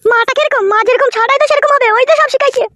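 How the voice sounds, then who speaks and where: A woman acts in a comic family sketch with a very high voice. She scolds and quarrels with rapid, dramatic delivery. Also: fairly even intonation, bright, forceful tone, slight background noise.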